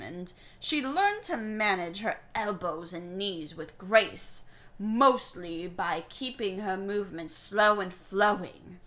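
A woman's voice: mid-range voice, pushed and bright. A woman reading a romance novel aloud and breaking off with mocking asides about how cheesy it is.

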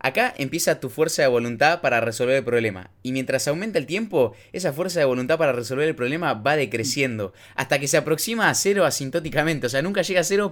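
An Argentine man with a Rioplatense accent riffs on a casual podcast, his voice a bit high for a man. He talks loose and slangy, swears offhandedly, and likes to explain things through math comparisons. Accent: Argentine Rioplatense Spanish. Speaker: podcast co-host.

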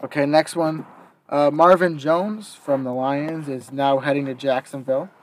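A man's voice: a little high, fairly even intonation, measured pace, a little hiss or hum. A young man hosting a casual sports talk, reading out quotes and then giving his opinion with some hesitation. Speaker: podcast host.

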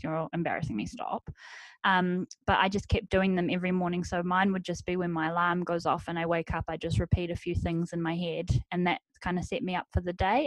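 A woman's voice: on the low side, no room sound. Chatty, giggly woman podcast host. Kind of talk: casual interview chat.

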